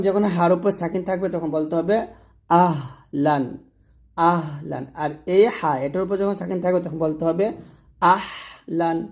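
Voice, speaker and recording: A man teaching Quran recitation, who stretches out each word slowly and contrasts thin and thick letter sounds by repeating them. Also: high-pitched, dark tone. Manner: slow, drawn-out demonstration of letter sounds. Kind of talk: pronunciation lesson.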